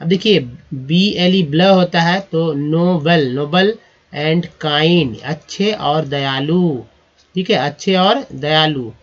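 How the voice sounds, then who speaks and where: A man's voice: fairly high pitch, slow pace. A man teaches English words, spelling them out one letter at a time and repeating each pronunciation. The recording sounds dull and lo-fi. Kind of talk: spelling-out vocabulary lesson.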